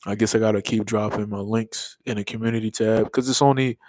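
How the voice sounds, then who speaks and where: Yawning and tired after a long day, a young livestream host reads through comments in a laid-back drawl packed with slang. His fairly low, slightly mellow voice keeps fairly even intonation at a brisk pace, and the recording is dry.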